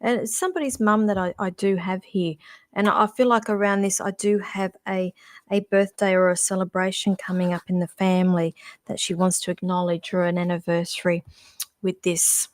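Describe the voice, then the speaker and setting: This middle-aged woman, a psychic reader on a casual live stream, muses out loud in a chatty, halting way full of restarts and fillers. Her voice is lowish, with fairly even intonation.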